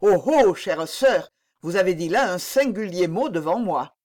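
Woman voicing a young lovesick king, impassioned, exclaiming, slow delivery, lively swooping pitch, audiobook. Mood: pleading. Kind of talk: audiobook reading.

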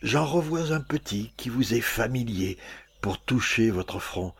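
A man playing Cyrano, a proud, aging swordsman-poet who is dying and secretly in love, reading verse in a solemn, measured way with a husky, gravelly voice. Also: medium pitch, animated, full character voice. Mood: tender. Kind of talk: stage play reading.

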